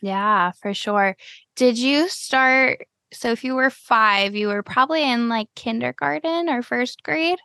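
A woman's voice: a little high, measured pace, vocal fry, bright, forceful tone, clear, resonant tone, dry recording, clean studio sound. A woman from Cleveland, Ohio, hosting a podcast in a casual chat, friendly and full of "you know" fillers. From Cleveland, Ohio, USA. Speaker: podcast host.

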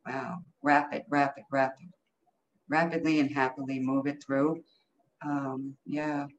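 A woman leading an improvised energy healing session as a healer, speaking in short, incantatory phrases with repeated commands. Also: low-pitched. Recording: dull, lo-fi call audio with noise.

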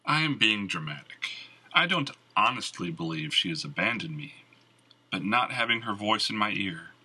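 A man's voice: on the low side, lively intonation, sharp tone, husky, exaggerated voice, low-quality recording. Man voicing a formal brooding knight. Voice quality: formal, measured speech. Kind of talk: audiobook character reading.

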